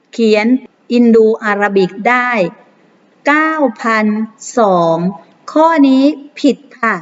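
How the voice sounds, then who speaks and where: A woman teacher patiently explaining math exercises to primary pupils, reading numbers slowly and repeating them. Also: a little high. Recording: muffled long reverb.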